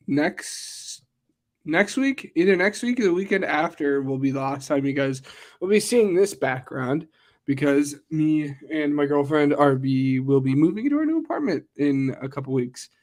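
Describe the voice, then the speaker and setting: A young man co-hosting a casual podcast, talking loosely with lots of "like" and "uh" and cracking jokes. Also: a little high. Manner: loose, filler-heavy, joking. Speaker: podcast co-host. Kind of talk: casual chat.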